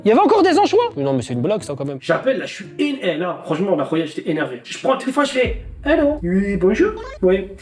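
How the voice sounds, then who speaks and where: A young man telling a funny story in a casual monologue, playful and addressing the viewer directly. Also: high-pitched. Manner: animated, playful, talks straight to the viewer.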